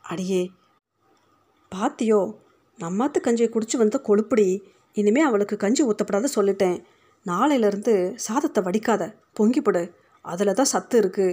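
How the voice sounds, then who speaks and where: A stingy old householder who wheedles and scolds in turn, read by a woman. He sits at a middle pitch and talks in short, pointed bursts. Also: lively intonation, moderate pace, a little mellow, natural voice. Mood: scolding. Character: old male Brahmin householder, stingy and sly.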